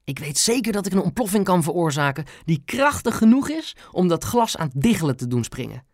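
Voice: medium pitch, sing-song, fairly quick, dry recording, studio quality, pitched above the performer's own voice. A narrator voicing an eager, scheming young boy laying out a plan, in an audiobook reading. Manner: eager, conspiratorial.

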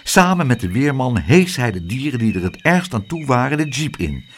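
A man reading a children's storybook aloud in a lively, expressive way. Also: mid-range voice, normal speed, slight background noise.

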